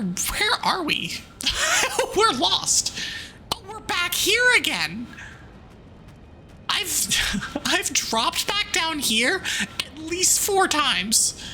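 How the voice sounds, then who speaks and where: A woman's voice: very high voice, sing-song, slow pace, sharp tone, slight background noise. A woman livestreaming a game and chatting to viewers in a cute, bubbly anime-streamer manner, playful and mock-bossy. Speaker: streamer, VTuber.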